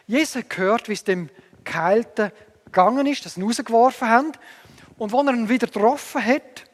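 A man preaching a sermon earnestly, moving between emphatic lines and hushed asides, with long hall reverb. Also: very high-pitched, fairly quick.

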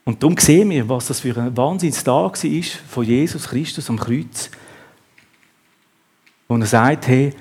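A man's voice: medium pitch, measured pace, pauses often, a little mellow, breathy edge. A man preaching a sermon, acting out the quotes in the story with a raised voice.

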